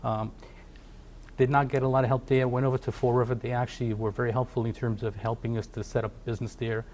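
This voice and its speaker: A man's voice: medium pitch, little pitch movement, fast, darkish tone, a little hiss or hum. A middle-aged man from Portugal, a company founder, speaking in a TV business interview with many fillers and restarts. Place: TV studio.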